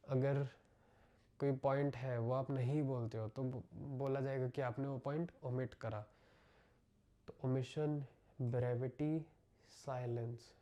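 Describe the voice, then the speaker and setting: Slow, mellow Indian male English teacher. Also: medium pitch. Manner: slow, explains each word and repeats it in Hindi. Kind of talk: vocabulary lesson.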